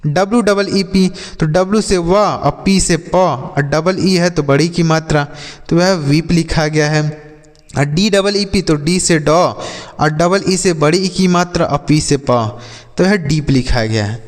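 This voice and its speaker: A man's voice: on the high side, measured pace. Man teaching with echoing hall reverb. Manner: repeats questions and answers them himself, drawing out words. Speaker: English pronunciation teacher. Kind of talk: Hindi lesson on reading English.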